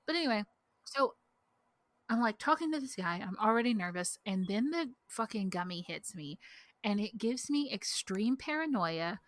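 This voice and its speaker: A young woman, co-hosting a podcast and telling a story in casual chat, animated and full of "like", acting out what people said. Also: mid-range voice, moderate pace, dry recording. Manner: animated, heavy use of "like", acts out quotes. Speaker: podcast co-host. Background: dog barking outside.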